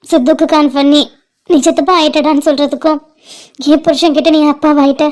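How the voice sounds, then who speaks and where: Woman, high bright-pitched voice, pleading and affectionate, cartoon family drama. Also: level tone, a little fast. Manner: emotional, pleading, affectionate sisterly talk. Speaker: voice actor for animated family drama.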